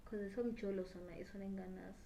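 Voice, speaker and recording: Doing her makeup in a small bedroom, a South African woman in her twenties chats to camera for her beauty channel, a little tipsy and wandering, moving between English and Zulu. Her relaxed, dark voice sits at a medium pitch with vocal fry, and she races along. Faint noise hangs in the background.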